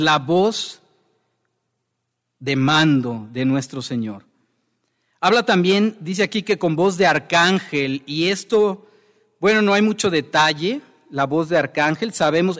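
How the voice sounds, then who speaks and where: A man preaching a verse-by-verse Bible sermon in a slow, deliberate way, often stopping to check in with his listeners. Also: on the high side, a bit bright, long reverb tail.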